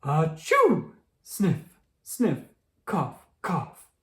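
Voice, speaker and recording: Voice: mid-range voice, very animated, unhurried, voice pushed up. A narrator voicing a poorly, plaintive little boy pony with the sniffles in a children's storybook. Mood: sniffly. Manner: pretend sneezes, sniffs and coughs, plaintive. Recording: roomy echo.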